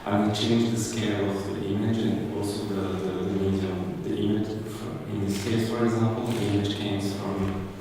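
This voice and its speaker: A man from Algeria giving a halting, hesitant talk about his art in a gallery, with frequent pauses and restarts. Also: lowish voice, flat delivery. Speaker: visual artist presenting his work. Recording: echoey hall, distant mic, ambient noise.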